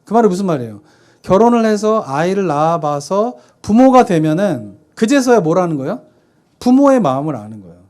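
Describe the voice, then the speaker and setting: In a church sanctuary, a thirty-something pastor delivers a chatty sermon, raising rhetorical questions and answering them himself. He sounds high-pitched and slightly mellow, very animated, and talks a bit quickly.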